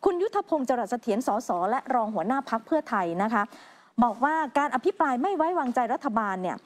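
A woman's voice: a little high, big pitch swings, fast. A woman co-anchoring a news show, reading items and adding chatty, opinionated remarks. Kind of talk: conversational news commentary.

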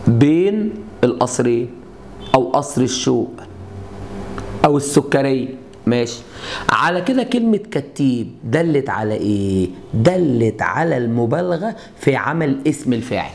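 Medium in pitch, creaky and somewhat dark in tone, this man's voice carries a little hiss or hum. He is a middle-aged Egyptian-accented teacher giving an Arabic grammar lesson at the board, walking students through it step by step with repeated rhetorical questions.

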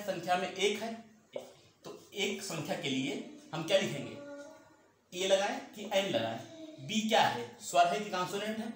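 Male teacher, fairly high lively voice, drills points by repeating them, recorded in a very echoey room with faint noise. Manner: repeats points, asks and answers own questions. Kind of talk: classroom lesson.

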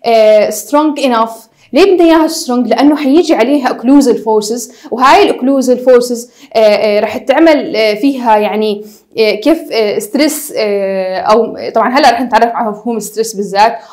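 A young woman gives a casual university lecture, mixing in English technical terms and pausing often on hesitation sounds. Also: fairly high pitch, a little mellow. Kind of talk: recorded lecture.

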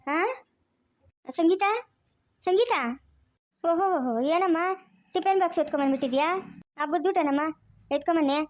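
A woman playing a quarrelsome, jealous village housewife who rants and curses nonstop in a comedy skit, with a rural Chikkaballapur Kannada accent. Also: darkish tone. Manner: shrill, rapid, nonstop ranting and cursing. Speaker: actor in a family comedy skit.

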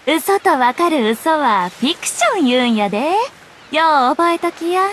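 A game voice actress with a high, lively voice plays a breezy, teasing young journalist and playful liar in a Japanese anime game. She speaks at a normal pace in a coquettish, lilting Kansai dialect, with a little hiss or hum in the audio.

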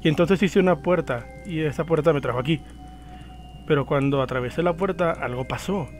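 Man reading lost ten-year-old girl, fairly high voice, faint music behind. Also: brisk, darkish tone, close to an everyday voice. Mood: earnest. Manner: reads lines from the screen with slips.

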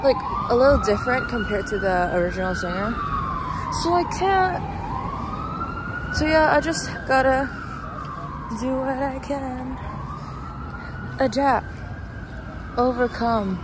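A young adult woman vlogs while walking a city street at night, her phone held at arm's length. Her high-pitched voice has lively intonation, but she talks slowly, rambling, halting and trailing off amid passing traffic and street ambience.

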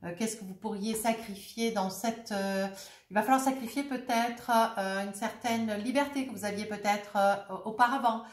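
A woman's voice: medium pitch, fairly even intonation, moderate pace, roomy sound. A woman with a head cold giving a casual, jovial tarot reading to her viewers, chatty and full of little filler tags. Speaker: tarot reader.

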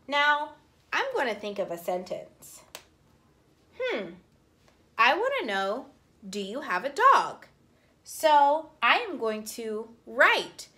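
A woman teaching kindergartners, speaking slowly and sounding out words for young children. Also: a little high, bright, forceful tone. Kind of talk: slow, clear classroom instruction.

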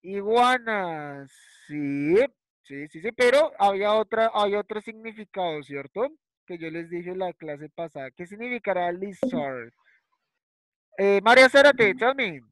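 A man's voice: high voice, lively intonation, measured pace, a bit bright, dry recording, rough recording. Patient man teaching children online. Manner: patient, repeats words, ends lines with ¿cierto? and ¿listo?. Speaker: primary school English teacher. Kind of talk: online class in Spanish and English. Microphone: video call.

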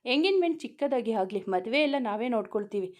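Woman reading as a middle-aged father, decisive, brisk, matter-of-fact. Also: on the high side, lively intonation, close to an everyday voice.

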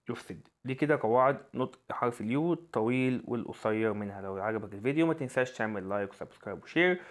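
A man with an Egyptian Arabic accent teaching English pronunciation in an online lesson, repeating example words slowly and lifting his voice on key sounds. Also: mid-range voice.

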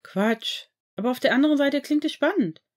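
A woman voicing an eager, pushy teenage boy wizard who speaks quickly and a little awkwardly in a fan-fiction audiobook. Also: sits high, lively intonation, pitched above the performer's own voice.

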